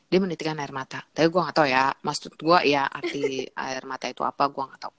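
A woman's voice: low-pitched, quick pace, fairly bright tone, slight background noise. A young woman telling a rambling story in casual chat, laughing between filler words.

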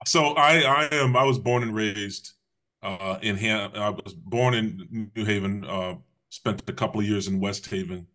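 A middle-aged man from Connecticut, a podcast guest who speaks in a measured way, pausing on fillers. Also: lowish voice, pushed and bright. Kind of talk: interview.

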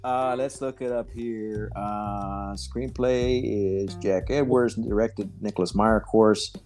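A man with a lowish voice talks in a loose, excited way, throwing "man" into almost every sentence as he chats with his co-host. Soft music plays faintly under the conversation. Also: slow. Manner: enthusiastic, says "man" a lot, acts out movie lines. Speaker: podcast co-host. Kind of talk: casual chat.

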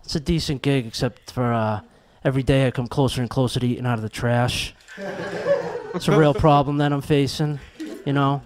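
A man doing a stand-up set, telling exasperated, profane stories with animated outbursts. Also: medium pitch, a little fast, crowd noise. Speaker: stand-up comedian.

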